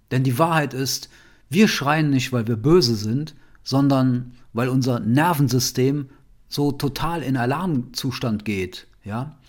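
Earnest, heartfelt male podcast host. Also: mid-range voice. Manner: earnest and heartfelt, often adding a soft questioning "ja?". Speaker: podcast host and nonviolent communication trainer. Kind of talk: personal podcast monologue.

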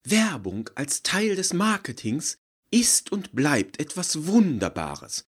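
A man reading an audiobook, voicing an excited, effusive female advertising executive. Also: fairly high pitch, takes it slowly, husky, voice pushed up, full character voice. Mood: gushing.

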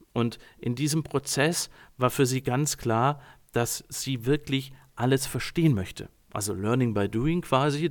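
A man working as a communication coach, talking calmly and directly to his listeners, addressing them formally. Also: medium pitch. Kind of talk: informal talk to listeners.

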